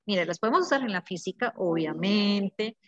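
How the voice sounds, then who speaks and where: A woman's voice: medium pitch, animated, moderate pace, no echo, highs cut off. A woman teacher, giving a class lecture. She explains patiently, repeats the key words and checks in with her students.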